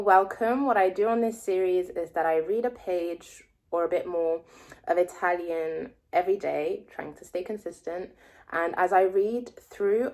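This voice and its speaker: This language-learning vlogger, a French woman in her twenties, slowly reads out a text and explains it, musing aloud and guessing unfamiliar words. She speaks with a low voice that has a darkish tone.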